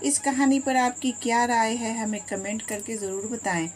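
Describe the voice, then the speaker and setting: A woman's voice: fairly high pitch, moderate pace, faint music behind. A woman storyteller reading out a moral tale and giving each villager a voice of her own. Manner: voices every villager in turn. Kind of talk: scripted story narration.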